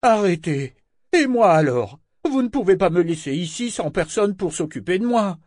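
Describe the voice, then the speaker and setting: A man's voice: high-pitched, sing-song, moderate pace, darkish tone, no echo, studio quality, pitched above the performer's own voice. A man voicing a petulant, cowardly little governor who whines and demands. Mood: whining. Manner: whiny, demanding.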